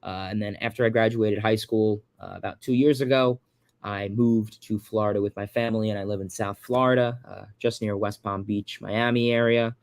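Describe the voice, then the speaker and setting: A man in his early twenties from Long Island speaks at a moderate pace in a fairly low, steady, creaky voice while answering questions on his casual livestream. Fillers, repeated words, and rambling run throughout, and there is no room sound.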